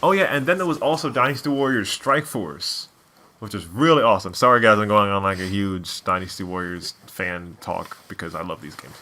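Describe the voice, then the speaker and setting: Rambling and opinionated in the manner of a true fan, a male co-host chats casually over gameplay in a gaming video. He talks briskly, his lowish voice sounding pushed and bright.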